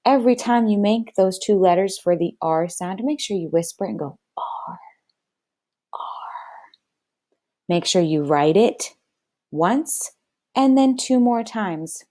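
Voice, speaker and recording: A woman teaching first graders a phonics lesson, slow and clear, stretching out sounds for the children to repeat. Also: medium pitch, expressive, warm tone.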